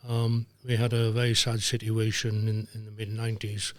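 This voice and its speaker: An older man, appearing as a guest, shares lively anecdotes from his days as a referee and slips into different voices for the people he quotes. He speaks with a fairly low pitch at a moderate pace, and there's no echo on the recording.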